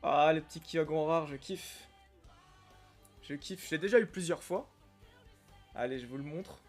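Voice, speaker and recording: A young man chatting casually on a live stream while opening trading card packs, reacting with excitement and greeting viewers by name. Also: fairly high pitch, measured pace, soft background music. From Algeria. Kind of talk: casual live-stream chat reading comments.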